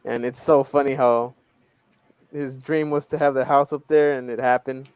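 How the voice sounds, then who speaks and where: A man's voice: mid-range voice, fairly even intonation, moderate pace, darkish tone, clear, resonant tone, dry recording. Man in a friends' chat. Mid-range voice, dry sound, short repetitive bursts. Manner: short bursts, repeats himself. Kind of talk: casual group chat.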